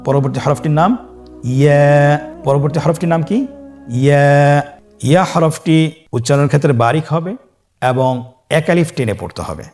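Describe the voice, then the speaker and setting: His voice is a little high and darkish, with faint music in the background. He delivers a scripted Arabic letters lesson for Quran reading, moving step by step and elongating each sung letter name for listeners to copy.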